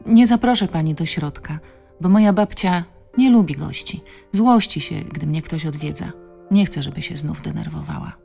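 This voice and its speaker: A woman's voice: deep voice, normal speed, creaky, mellow, faint music behind. A woman reading the part of a timid little girl who stammers and pleads. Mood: shy.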